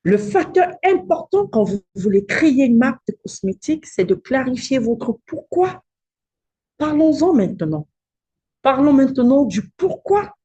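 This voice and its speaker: A woman leads a live online workshop, speaking directly and pressing her listeners with rhetorical questions. Her voice sits fairly high, with a mellow, slightly husky tone. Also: very animated, measured pace, dull audio. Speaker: cosmetics business coach hosting a live challenge.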